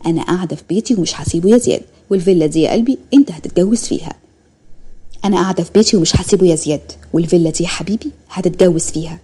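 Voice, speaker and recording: A woman playing a doting mother in an Egyptian Arabic accent, fussing over her son with quick affectionate questions. The voice is warm and a little husky, and it rattles along fast in a storybook reading. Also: on the low side.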